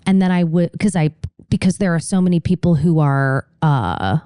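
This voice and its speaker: A woman as a podcast guest in casual chat, telling animated stories with quick asides. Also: lowish voice, clean tone, no room sound, studio quality.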